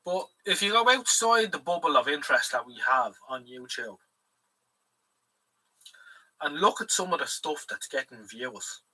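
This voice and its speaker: With lively intonation, a measured pace and long pauses, this Irish man's fairly high voice sounds sharp with a breathy edge. He hosts a live stream, chatting in a rambling, casual way and swearing freely, a bit away from the mic.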